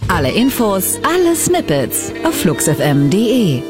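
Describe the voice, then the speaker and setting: A woman voicing a radio segment jingle in a drawn-out, sing-song announcing style. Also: medium pitch, wildly swooping pitch, music in the background. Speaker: show announcer. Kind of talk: slow promotional jingle voice-over.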